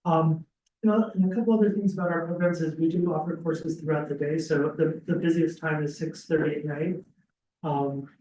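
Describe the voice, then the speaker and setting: A man, a school dean, giving a relaxed information session to prospective students, with frequent ums and restarts, heard through a laptop webcam on a video call. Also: fairly high pitch, slight background noise. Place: classroom with audience, also streamed on a video call. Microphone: laptop webcam some distance away. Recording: roomy, distant webcam audio.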